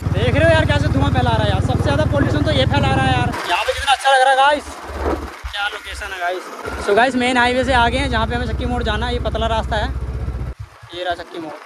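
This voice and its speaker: A North Indian man with a high-pitched voice talks fast while vlogging outdoors, often from a moving motorbike. He narrates his travels casually and exclamatorily, frequently addressing viewers. The action camera picks up lots of vehicle and street noise.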